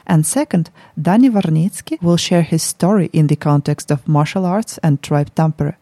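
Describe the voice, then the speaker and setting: A woman's voice: deep voice, normal speed, mellow, no echo. A woman hosting an interview podcast, introducing guests and putting questions in an orderly, polite way.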